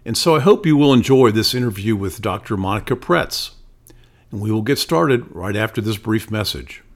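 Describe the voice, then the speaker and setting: Low-voiced male podcast host. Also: expressive, normal speed. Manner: hesitant, many ums and restarts when asking. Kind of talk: podcast intro and interview.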